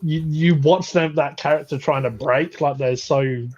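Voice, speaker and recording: A man's voice: a little high, measured pace, darkish tone. A man talking casually with a rambling, restart-heavy manner, breaking into laughter as he goes. His voice comes through dull, lo-fi live stream audio. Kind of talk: casual chat.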